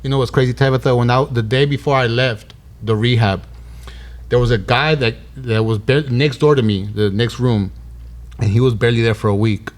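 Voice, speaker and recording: A man's voice: mid-range voice, fairly quick. A man in his thirties hosting a podcast, telling a story in casual slang and acting out the dialogue. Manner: animated, slangy, acts out quoted dialogue.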